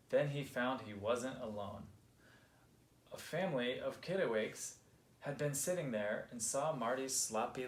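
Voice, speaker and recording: A man reading a picture book aloud for children in an expressive, lively way. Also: medium pitch. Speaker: storybook reader. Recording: roomy echo.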